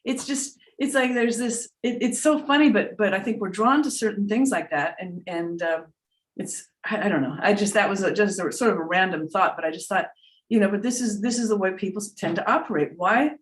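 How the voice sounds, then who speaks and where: A woman's voice: medium pitch, fairly quick. A woman talking casually about spiritual matters as a teacher, earnest and rambling as she thinks aloud. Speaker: spiritual teacher and trance channeler, guest speaker. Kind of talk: casual spiritual talk with personal anecdotes.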